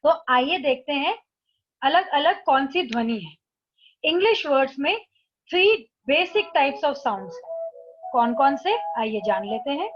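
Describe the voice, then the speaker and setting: A woman teacher with a high voice speaks at a slow, careful pace as she explains a textbook lesson. She reads the English lines out deliberately and then explains them in Hindi. The recording is dull and lo-fi.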